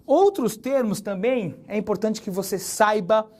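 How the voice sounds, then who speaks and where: High-voiced yet darkish in tone, a Brazilian man teaches Portuguese in a recorded exam-prep session. He chats and jokes freely, and when a word matters he spells it out slowly with heavy stress.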